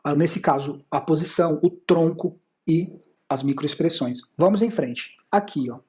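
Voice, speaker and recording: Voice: mid-range voice, expressive, measured pace, darkish tone. A speaker with a Brazilian Portuguese accent gives a lecture over slides as a communication and sales instructor, explaining points and asking and answering their own rhetorical questions.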